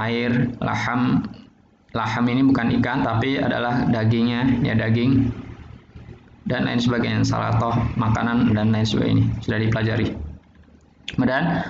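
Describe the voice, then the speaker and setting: A man teaching an online Arabic textbook lesson, explaining each term in with pauses and restarted words. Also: mid-range voice, vocal fry. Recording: roomy, dull lo-fi recording with faint noise.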